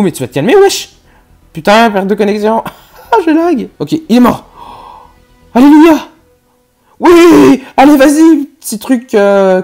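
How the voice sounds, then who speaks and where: A man giving live gameplay commentary, swearing often and swinging from low mutters to loud yells. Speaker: gaming YouTuber.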